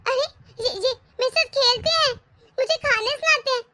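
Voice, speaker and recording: A woman voicing a spirited little girl in an animated family drama, pleading and insistent, with stumbling restarts. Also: very high voice, normal speed, no echo. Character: little girl, spirited, defends her grandparents.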